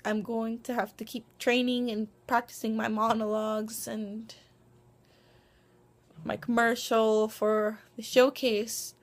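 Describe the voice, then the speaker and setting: A woman's voice: on the high side, flat delivery, slow pace. A young woman vlogging to camera in a casual, rambling way, with many ums, restarts and self-conscious asides. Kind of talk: casual vlog monologue. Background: dog barking.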